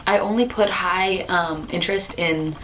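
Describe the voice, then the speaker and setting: A woman in her twenties chatting to camera as a vlogger, telling her story in a bubbly, animated way. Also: lowish voice, measured pace, slight background noise. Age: 20s. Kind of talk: casual chat to camera.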